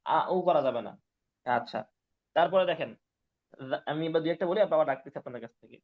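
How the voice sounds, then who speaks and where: A male Quran reading teacher leads an online class, his voice slightly high for a man. He spells out each syllable patiently and repeats words again and again for his students. The call audio is dull and lo-fi. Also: fast. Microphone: online class call mic.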